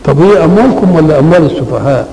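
An older man with an Egyptian Arabic accent, explaining Quranic verses in a conversational lecture, asking questions and answering them himself, slowing down to recite. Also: fairly high pitch, expressive, dark tone, a little hiss or hum, low-quality recording. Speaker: Quran commentator. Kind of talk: colloquial Quranic exegesis lecture.

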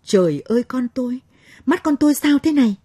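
Reader playing a sobbing, pleading servant mother, husky and dark. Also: medium pitch, measured pace, dry recording. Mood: anguished. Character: grieving servant mother, young woman, downtrodden.

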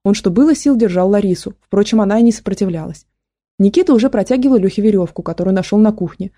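A woman narrating an audiobook in a steady storytelling manner. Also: medium pitch, fast, no echo, clean studio sound. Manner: steady storytelling, voices characters.

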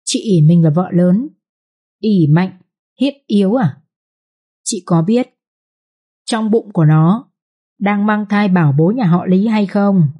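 A woman voicing a cold, domineering older matriarch who speaks slowly and hisses through her teeth. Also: mid-range voice, mellow, slightly rough, lo-fi sound.

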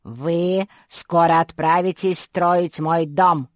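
A woman voicing a strange, gruff snake-fox monster who barks slow, curt commands. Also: low voice, a little mellow, dry recording, studio quality.

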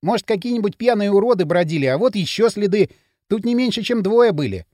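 A man's voice: sits high, lively intonation, a little fast, a little mellow, no room sound, clean studio sound, pitched above the performer's own voice. A man playing a cheeky, mouthy teenage boy from the city outskirts. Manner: mouthy, teasing.

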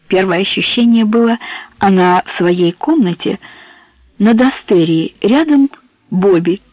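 A woman reads a novel aloud in a measured, even manner. Her voice is husky and breathy. The recording is dry and close, with a dull, muffled top. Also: mid-range voice, no echo. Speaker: audiobook narrator. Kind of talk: scripted novel narration.

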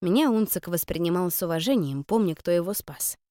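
Low-voiced woman narrating a story. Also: brisk, no room sound, studio quality. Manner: calm, wry storytelling. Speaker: audiobook narrator. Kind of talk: first-person audiobook narration.

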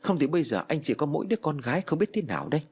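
A man's voice: a little high, sing-song, racing, darkish tone, breathy edge, full character voice. A man voicing a blunt aunt who scolds her sister for not believing in ghosts, in a spoken ghost story. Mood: scolding. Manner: scolding, told-you-so.

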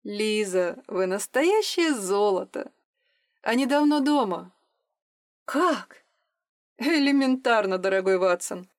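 A woman voicing a brisk, joking male investigator in an audiobook, with a wry manner. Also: mid-range voice, expressive, no room sound, studio quality.

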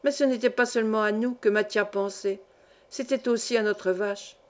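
A woman reading a classic novel aloud as an audiobook narrator, in an even, measured storytelling manner. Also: mid-range voice. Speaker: audiobook reader.

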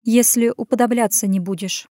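Here a woman reads out the lines of a bashful yet prickly young woman in an audiobook. Her voice sits a little higher and louder than the plain narration and keeps a teasing, sulky edge. The recording is dry and close. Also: fairly even intonation, normal speed, no room sound, close to an everyday voice. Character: young woman, shy but proud and sharp-tongued.

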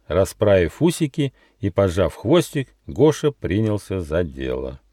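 Low-voiced guy reading a kids fairy tale, animated, dry studio sound. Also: no room sound. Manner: expressive, lively storytelling. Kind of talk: audiobook fairy-tale narration. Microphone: studio mic.

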